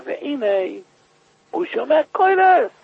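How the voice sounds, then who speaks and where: A man preaching by telling a story with emotion, rising now and then to loud, high cries. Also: lively intonation, vocal fry, no echo, phone-quality sound. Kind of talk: storytelling sermon.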